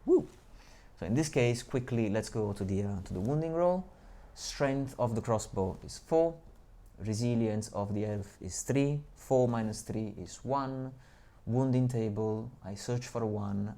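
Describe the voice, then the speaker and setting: Low-voiced guy walking through tabletop dice rules, calm and step by step, mellow tone. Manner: patient, step-by-step explaining with small asides. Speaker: tabletop game tutorial presenter. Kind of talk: explaining game rules.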